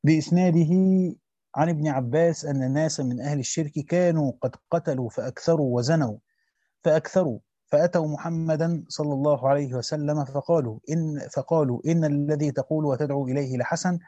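A man reading a classical Quran commentary aloud in a steady scholarly way, often repeating a phrase to correct himself. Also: fairly high pitch, fast talker, no room sound, highs cut off.

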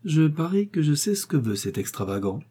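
Man playing a teasing young man, raised playful voice, husky edge. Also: a little high, very animated, a little fast, dark tone, voice pushed up. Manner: laughing, playful.

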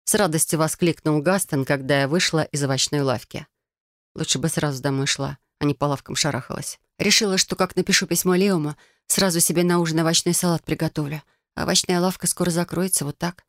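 Gravelly, sardonic woman reading an audiobook. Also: sits low, fairly even intonation, fairly quick, no room sound, clean studio sound. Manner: sardonic and sarcastic. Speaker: audiobook narrator. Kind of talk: first-person fantasy romance narration.

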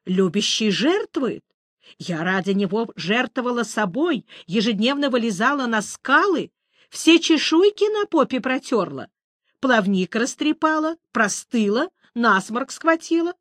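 A woman's voice: fairly high pitch, big pitch swings, unhurried, a bit bright, dry recording, studio quality, full character voice. A woman voicing a capricious young female siren who squeals and complains in a singsong voice. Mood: indignant singsong.

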